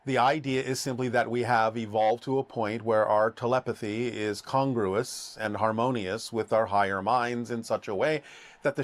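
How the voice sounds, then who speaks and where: A man answering questions in a formal, measured way, speaking as "we" and slowing down on key phrases. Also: medium pitch.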